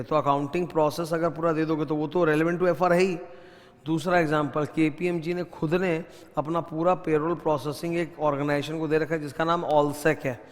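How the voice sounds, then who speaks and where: An audit teacher with an Indian English accent gives a revision lecture on auditing for exams, quizzing his students constantly and switching between Hindi and English. His fairly high voice is followed by a long trailing reverb.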